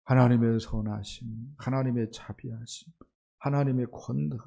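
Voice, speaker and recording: A man preaching a sermon as pastor, asking his congregation rhetorical questions and building to forceful emphasis. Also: mid-range voice, steady tone, moderate pace, creaky. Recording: dull lo-fi church stream.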